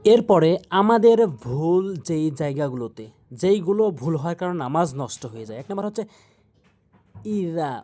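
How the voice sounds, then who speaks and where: A man with a Bangladeshi Bengali accent teaching Quran recitation, explaining pronunciation step by step and repeating sounds slowly. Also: high voice, mellow.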